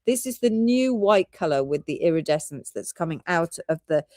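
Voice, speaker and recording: A woman's voice: fairly low pitch, lively intonation, moderate pace, dark tone, dry recording, studio quality. Chatty British woman selling pearls live. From Britain. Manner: chatty, giggly, rambling product talk. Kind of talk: live shopping stream.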